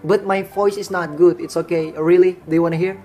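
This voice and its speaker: A man's voice: high-pitched, steady tone, a little fast, music in the background. A man from Indonesia, casually chatting and teasing strangers over a video call. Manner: playful, teasing, laughs at his own jokes. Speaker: host singing to strangers on video chat. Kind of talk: casual video-chat banter.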